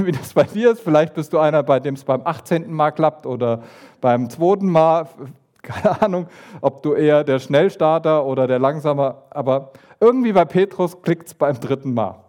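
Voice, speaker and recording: A man giving a lively sermon, retelling a Bible story and acting out the figures with sudden asides. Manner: animated, acts out voices of the story with pitch jumps and asides. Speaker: preacher.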